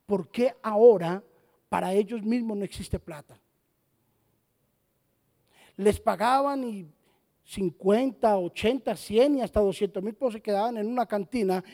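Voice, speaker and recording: A pastor preaches with a strikingly high voice for a man, pressing his points and throwing rhetorical questions at the congregation. His words ring out with a long reverb in a church hall. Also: a little slow, pauses often, mellow. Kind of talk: sermon.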